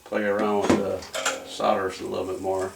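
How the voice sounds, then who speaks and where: A man with a low, monotone voice and vocal fry narrates an electronics repair at normal speed. He rambles folksily and thinks aloud while demonstrating the fix, recorded on a distant mic with faint background noise.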